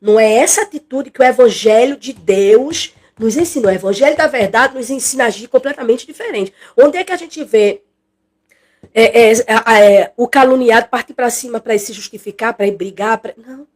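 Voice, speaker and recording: A woman's voice: a little high, normal speed, darkish tone. A woman teaching an expository Bible study in a conversational way, repeating phrases and acting out what people say.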